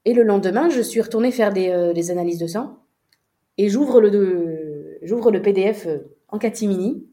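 Young woman telling her story, hesitant, lots of ums, mellow dark voice. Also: medium pitch, moderate pace. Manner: hesitant, many fillers and restarts. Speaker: guest. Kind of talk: personal storytelling in an interview.

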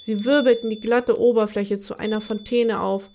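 A woman narrating a children's story in a lively, expressive reading. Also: a little high, normal speed, background noise.

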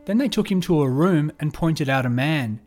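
A man narrating a true crime story in a measured, scripted storytelling delivery. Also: on the high side, expressive, a little mellow, soft background music.

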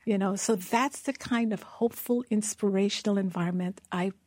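A middle-aged woman from Guyana speaks as an interview guest, recounting her life in an earnest, storytelling way. Her voice sits in a middle pitch, recorded dry and close. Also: fairly even intonation, normal speed, darkish tone, breathy edge, no echo. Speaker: guest, managing director. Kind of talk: interview conversation.

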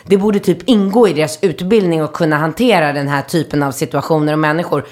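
A woman in her thirties, a podcast host telling a story in lively casual chat and acting out the people in it. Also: low voice. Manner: animated storyteller, acts out quotes loudly.

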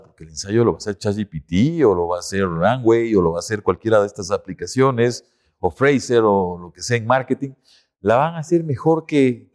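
A man, a podcast guest explaining things in an animated, conversational way. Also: on the low side. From Ecuador. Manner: animated explainer, lifts his voice to act out quotes. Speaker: guest expert.

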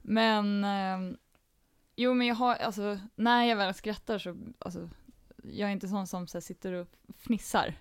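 A woman comedian chatting casually as a podcast guest, animated, with frequent laughs and fillers. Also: medium pitch, smooth, no room sound, studio quality.

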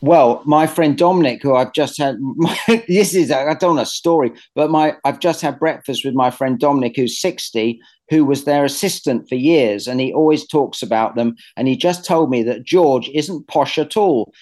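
A man's voice: mid-range voice, normal speed, few pauses, darkish tone. A man with a British accent being interviewed as an artist, talking casually in a hesitant, rambling, anecdotal and blunt way.

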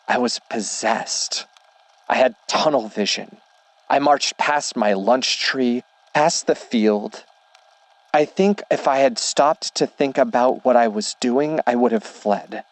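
A man reading a first-person horror story as a scripted narration, in a measured, deliberate way. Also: mid-range voice, dry recording.

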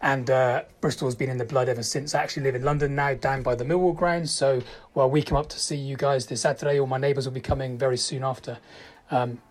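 Man, 30s, from Portugal, husky, rapid, rambling football fan guest. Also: mid-range voice, steady tone. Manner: chatty, rambling fan opinions. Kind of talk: casual phone-in chat.

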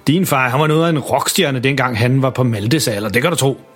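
A man's voice: mid-range voice, breathy edge, faint music behind, natural voice. A man voicing a jovial fellow father in a children's story.

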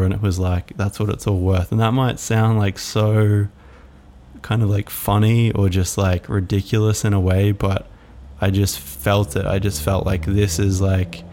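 A man hosting a reflective solo podcast, musing aloud in a halting way with many fillers. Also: low-pitched, warm tone. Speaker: podcast host.

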